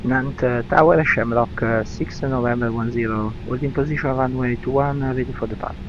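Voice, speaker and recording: A man pilot speaking over the aircraft radio, reading clearances back to air traffic control and pausing with "uh" between call words. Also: mid-range voice. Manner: halting, with many "uh" fillers between call words. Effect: pilot heard over the aircraft radio. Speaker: airline pilot. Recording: muffled radio with steady hiss.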